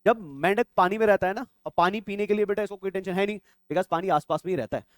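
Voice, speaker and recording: A man's voice: high-pitched, fast, dry recording. A young adult man teaching biology for exam prep, constantly quizzing his students and calling them "beta". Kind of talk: exam-prep classroom lecture.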